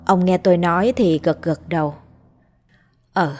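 Woman, ghost-story narrator, low voice, measured pace, faint music. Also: darkish tone. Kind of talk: scripted horror story narration. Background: faint background music.

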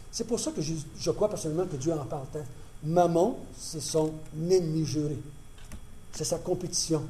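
A man's voice: a little high, warm tone, slight background noise. A male preacher giving a conversational sermon with emphatic repetition.

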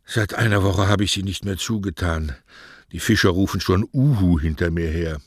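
A man's voice: low-pitched, moderate pace, slightly rough, dry recording, studio quality. A man doing a lovesick young postman. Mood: protesting. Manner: earnest, emotional pleading.

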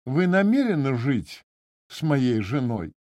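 A man's voice: mid-range voice, big pitch swings, slow, darkish tone, no room sound, studio quality. A man reading the part of an aggrieved middle-aged notary, speaking formally and with agitation. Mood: agitated, indignant. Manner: formal, stiffly polite, agitated. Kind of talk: audiobook character reading.

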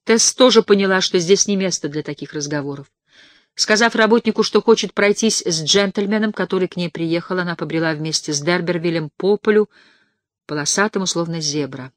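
An audiobook narrator reading a classic novel in a measured, even storytelling manner. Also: mid-range voice, dry recording, studio quality.

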